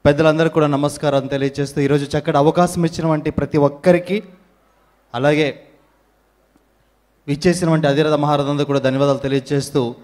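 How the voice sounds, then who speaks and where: A man with a Telugu accent welcomes the crowd at an awards night, polite and formal. His voice sits somewhat high and the words tumble out quickly between greetings. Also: level tone, darkish tone. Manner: formal, courteous, rapid speech. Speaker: mimicry artist. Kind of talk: stage introduction. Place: awards function stage.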